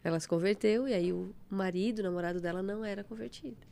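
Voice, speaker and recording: A middle-aged woman, giving a fervent, expressive testimony of faith as a guest. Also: medium pitch, fast, creaky.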